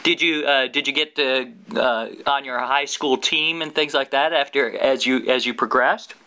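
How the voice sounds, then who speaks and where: Bright-voiced young man interviewing. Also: medium pitch, steady tone, normal speed. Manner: friendly, affirming, stumbling questions. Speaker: interviewer, graduate student. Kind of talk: oral history interview.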